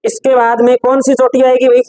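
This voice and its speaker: Male teacher dictating notes slowly. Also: very high voice, monotone, warm tone, dry recording, poor audio. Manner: repeats key phrases slowly for note-taking. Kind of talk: classroom lecture dictating notes.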